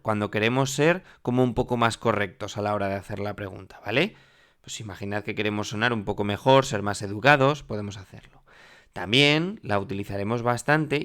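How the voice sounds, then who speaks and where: A mid-range, clean, fairly bright male voice leads a French lesson for Spanish speakers. He explains things patiently, keeps checking in with the class, and keeps saying "¿vale?" and "mirad."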